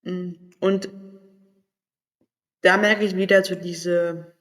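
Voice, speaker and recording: A man from the Berlin area of Germany talks candidly in a personal vlog, thinking aloud and searching for words in a reflective monologue. His voice sits high with little pitch movement, and he speaks slowly in a fairly bright tone.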